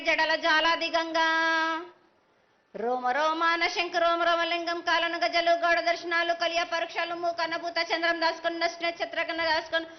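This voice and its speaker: A woman's voice: extremely high pitch, highs cut off. A woman oracle delivers a ritual invocation in short declamatory phrases, chanting in a prophetic, trance-like voice.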